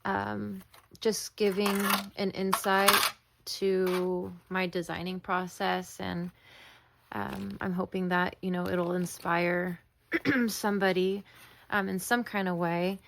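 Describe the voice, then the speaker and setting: A woman's voice: fairly low pitch, flat delivery, takes it slowly, gravelly, fairly bright tone, slight background noise. A woman chatting casually about her craft work, rambling and humble, with many ums and restarts. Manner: humble, apologetic. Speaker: craft video maker. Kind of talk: casual chat while crafting.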